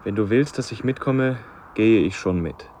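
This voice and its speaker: A man playing a frightened young son, hushed. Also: lowish voice, normal speed, a little hiss or hum, close to an everyday voice. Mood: fearful. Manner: hushed, fearful, hesitant. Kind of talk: vintage radio play acting.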